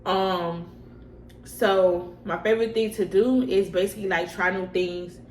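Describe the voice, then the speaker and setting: A young woman talks casually to her viewers in an informal, slangy way, often repeating phrases for emphasis. Her voice sits at an average female pitch. The room is noticeably echoey, with faint noise behind her. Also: steady tone, a little slow. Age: young adult. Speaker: vlogger answering personal questions. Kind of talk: casual mukbang chat to camera.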